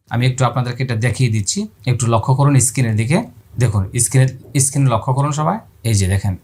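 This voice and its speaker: A man's voice: mid-range voice, husky. A man teaching Quran pronunciation, repeating letter sounds aloud and asking viewers to watch his mouth. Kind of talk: spoken lesson on letter pronunciation.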